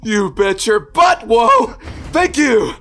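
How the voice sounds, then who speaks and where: A man playing an anxious, wisecracking young superhero in an audio drama table read, excitable and prone to stammering. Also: high voice, slow, full character voice. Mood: cocky. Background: faint music.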